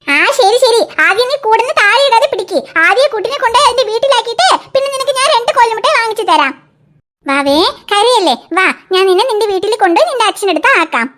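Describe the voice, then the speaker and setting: A woman's voice: very high-pitched, expressive, racing, hardly any pauses, fairly bright tone. A woman voicing a kind motherly woman in a cartoon, soothing and fussing over a lost child.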